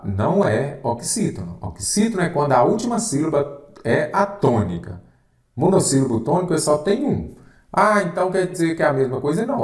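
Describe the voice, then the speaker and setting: A man's voice: mid-range voice, darkish tone, echoey room. A man with a Brazilian Portuguese accent teaching an exam-prep grammar lesson, emphatic and constantly checking with the listener. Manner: emphatic, repeats "correto?" and "anote aí".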